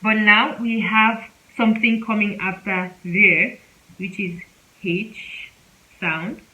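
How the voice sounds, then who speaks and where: A woman teaching a casual spoken lesson, speaking slowly and repeating example words several times. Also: mid-range voice, fairly even intonation, sharp tone, lo-fi sound. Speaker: Korean language teacher.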